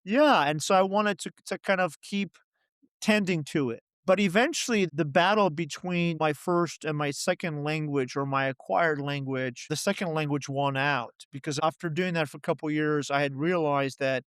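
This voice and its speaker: A middle-aged Polish poet and translator answers interview questions reflectively, sprinkling in many "you know" and "right?" asides. His voice is on the high side and fairly bright, at normal speed, with a clean tone and no room sound.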